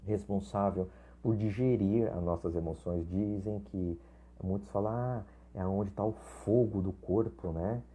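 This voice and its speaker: A man teaches an informal class on spiritual topics. His voice sits low, with a husky edge and a very dark, mellow tone. He talks in a loose, chatty way, with frequent tag questions and restarts. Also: a little slow. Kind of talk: informal recorded lesson.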